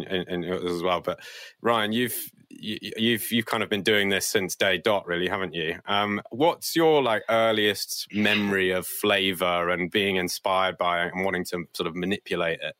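Bright low-voiced male host. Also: dry recording. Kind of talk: casual interview chat.

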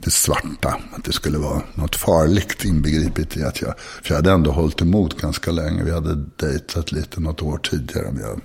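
A man in his sixties talking frankly and confessionally, halting often and restarting his sentences. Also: rumbling low, gravelly, breathy edge. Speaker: guest. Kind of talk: candid personal conversation.

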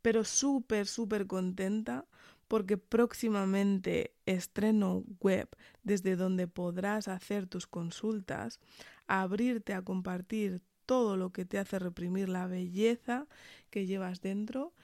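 A woman's voice: mid-range voice, fairly even intonation, slow, mellow, no room sound, studio quality. A woman with an accent from Spain giving an earnest, encouraging motivational monologue straight to the listener as a podcast host, speaking while sick with a sore throat. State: sick with tonsillitis and fever.

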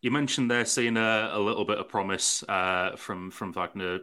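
A man's voice: lowish voice, normal speed, bright, forceful tone. A man hosting a casual football interview, chatty and feeling his way through his questions. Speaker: podcast host.

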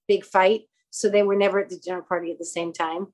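A woman guest in a relaxed interview, spinning long, animated stories that jump around. She voices the people in them as she goes. Her pitch sits in an ordinary middle range. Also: fast talker, rough recording. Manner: animated, rambling anecdotes with quoted dialogue. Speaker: guest, actress and clothing store owner. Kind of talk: casual storytelling interview.

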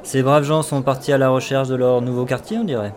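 A man's voice: medium pitch, fairly even intonation, brisk, a little hiss or hum, lightly acted. A man voicing a friendly, generous male half-elf adventurer with an easygoing way of talking. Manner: easygoing, affable.

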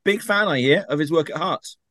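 A man's voice: a little high, a little fast, fairly bright tone. A man hosting a casual football podcast, upbeat and jokey as he steers the chat, just back from being ill. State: just recovered from illness. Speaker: podcast host.

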